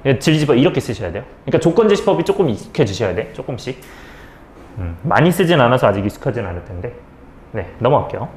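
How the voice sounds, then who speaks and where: A man's voice: medium pitch, sing-song, quick pace, a little mellow, reverberant, slight background noise. A male math teacher giving a step-by-step lecture, asking questions and answering them himself, often checking in with students. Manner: keeps checking in with students, "okay?".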